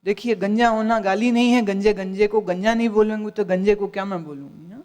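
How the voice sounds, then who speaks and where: A woman's voice: medium pitch, a little fast, darkish tone. Emphatic woman giving a spiritual discourse. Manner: scolding, rhetorical questions, mixes English phrases. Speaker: spiritual teacher.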